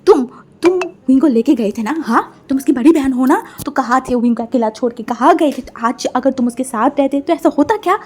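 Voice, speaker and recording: A woman voicing an angry middle-aged mother who scolds loudly, read from a fan fiction. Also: on the high side, fairly even intonation, brisk, hardly any pauses, close to an everyday voice. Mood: scolding. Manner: loud, scolding.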